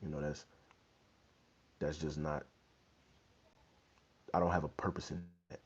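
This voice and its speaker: In his twenties, a man hosts a casual fitness livestream from a small bedroom, answering questions in a laid-back, slangy manner and saying "you know what I'm saying" often. His extremely low, slightly rough voice barely changes pitch and keeps a measured pace. A wired earbud mic with the phone held low yields dull lo-fi phone audio.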